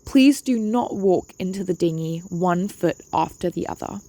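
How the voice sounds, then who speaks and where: A woman's voice: fairly low pitch, animated, normal speed, mellow. A woman narrating an instructional dive safety briefing, giving polite but firm step-by-step directions.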